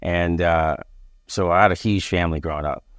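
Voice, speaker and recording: A man in his forties from Barbados, a police chief answering interview questions in a measured, halting way with many fillers. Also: deep voice, fairly even intonation, clear, resonant tone, no room sound, clean studio sound. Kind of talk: interview conversation.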